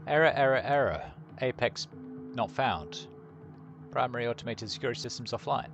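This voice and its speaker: A man voicing a malfunctioning robotic security computer in a stiff, loud, mechanical voice. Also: mid-range voice, lively intonation, normal speed, muffled recording, soft background music. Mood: glitching, mechanical. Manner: reads machine text in a stiff, raised, loud robotic voice. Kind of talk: streamer reading game lines in a put-on voice.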